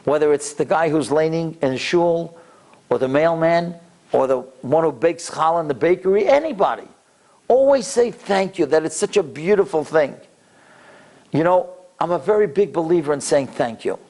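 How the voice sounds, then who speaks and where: A male rabbi delivers an inspirational lecture built on anecdotes. His voice sits fairly high for a man and has a gravelly creak. He acts out both sides of conversations and repeats words for emphasis. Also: expressive, normal speed, darkish tone.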